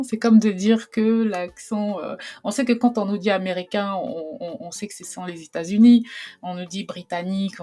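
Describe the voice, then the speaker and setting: A woman hosting a casual screen tutorial, chatty and hesitant with many fillers. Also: lowish voice. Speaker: tutorial host.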